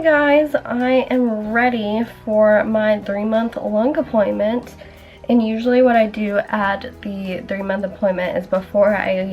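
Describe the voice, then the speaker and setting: A young woman vlogging in a casual, chatty way, filling her talk with "like", her voice still rough from the morning. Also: medium pitch, darkish tone. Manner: chatty, many "like" fillers. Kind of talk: casual vlog chat. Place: indoors at home, then a hospital.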